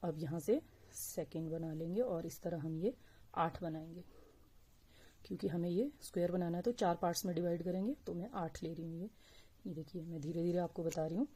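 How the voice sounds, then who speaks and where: A woman teaching crochet step by step, speaking slowly and patiently and counting stitches aloud. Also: fairly low pitch, warm tone, husky. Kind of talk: step-by-step crafting tutorial.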